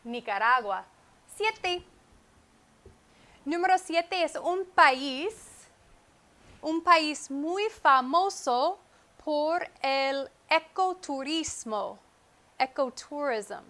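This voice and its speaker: Here a woman leads a comprehensible-input Spanish lesson at a whiteboard, using a wireless microphone. Her bright, high voice is animated. She speaks very slowly and deliberately, repeating each key word with care and giving English glosses.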